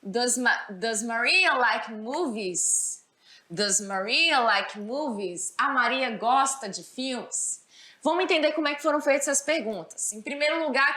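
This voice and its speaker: Brazilian lady teacher explaining english grammar, high voice, keeps asking "certo?", kinda echoey room. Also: sharp tone. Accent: Brazilian Portuguese. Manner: explanatory, checks understanding with "certo?". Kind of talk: recorded school lesson.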